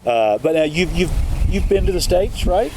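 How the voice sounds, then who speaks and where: Halting man hosting outdoors. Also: fairly high pitch, lively intonation. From Kentucky. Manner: halting, many fillers and restarts. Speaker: podcast host. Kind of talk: casual interview. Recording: outdoor recording with wind noise.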